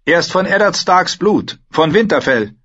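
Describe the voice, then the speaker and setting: A man voicing a fierce, loyal young wildling woman in an audiobook, speaking in a raised, forceful voice. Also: high-pitched, sing-song, normal speed, husky, lo-fi sound, pitched above the performer's own voice, exaggerated voice. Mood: defiant.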